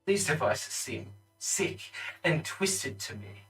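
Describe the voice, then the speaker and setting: A self-assured lord played by a man in a tabletop game makes his accusations slowly and formally, as if addressing a whole court. The voice sits slightly away from the mic over quiet music. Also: fairly high pitch, lively intonation, far from the mic, rough recording. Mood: grand, accusing. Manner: declamatory, formal. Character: confident lord prosecutor, grandly accusing in court. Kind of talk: tabletop role-play.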